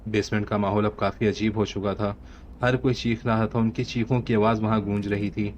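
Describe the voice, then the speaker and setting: A man with a Pakistani Urdu accent narrating a horror story in a steady storytelling voice. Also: on the low side, brisk. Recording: dull lo-fi audio with faint hiss.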